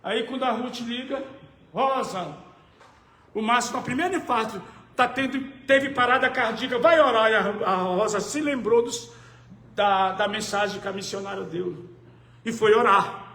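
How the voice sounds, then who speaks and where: High-voiced Brazilian pastor preaching in echoey church. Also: male voice, moderate pace. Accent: Brazilian Portuguese. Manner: swings from hushed storytelling to shouted preaching. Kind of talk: sermon testimony. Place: church hall.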